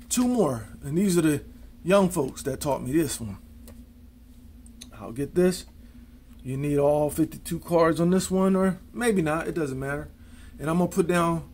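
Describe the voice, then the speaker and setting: A man with a slightly high voice talks through card tricks at an easy pace. He counts cards out loud and drops in folksy showman lines. A faint hiss of noise sits under the recording. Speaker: magician demonstrating card tricks. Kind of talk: casual card trick tutorial.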